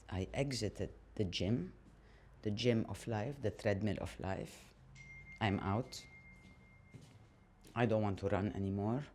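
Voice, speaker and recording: A man speaking an unscripted personal monologue while washing dishes, reflective and hesitant, with frequent pauses. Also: lowish voice, a little mellow. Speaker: channel host.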